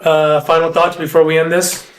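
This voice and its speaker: A man hosting a podcast, relaxed, wrapping up with plenty of fillers. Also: a little high, normal speed, reverberant. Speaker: podcast host. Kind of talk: casual podcast chat.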